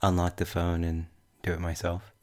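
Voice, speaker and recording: A man with a broad New Zealand accent, talking casually about tech as a podcast panelist in a measured way, pausing mid-sentence. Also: deep voice, monotone.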